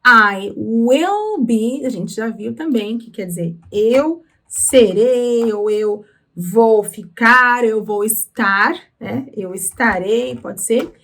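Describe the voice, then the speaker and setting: A woman with a Brazilian Portuguese accent teaching English through song lyrics, explaining patiently and slowing down on words. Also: on the high side, creaky. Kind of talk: explaining lyrics in a language lesson.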